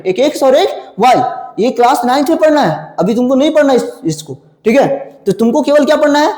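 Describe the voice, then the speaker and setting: A man's voice: high voice, warm tone. A male maths teacher giving a classroom lecture, repeatedly asking questions and answering them himself, calling his viewers children. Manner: addresses viewers as children and brother. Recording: echoey room with long reverb.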